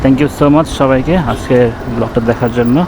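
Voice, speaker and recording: A man's voice: mid-range voice, fairly even intonation, normal speed. A man with a Bangladeshi accent chatting casually to viewers as a ride-share vlogger, talking from inside a helmet while out on a motorbike. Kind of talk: casual vlog chat. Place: outdoors on a motorbike in city streets. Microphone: camera mounted in the helmet. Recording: clear traffic and vehicle noise.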